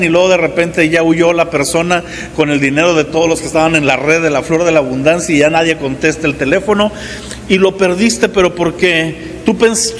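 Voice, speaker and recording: A fairly high-voiced man in his forties preaching to his congregation in an easygoing, conversational style, tossing in little check-ins with the room. His voice rings out with a long reverb tail, and a faint hiss sits underneath. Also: fairly bright tone. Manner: conversational preaching with frequent "¿verdad?" asides. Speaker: pastor. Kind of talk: sermon. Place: church hall.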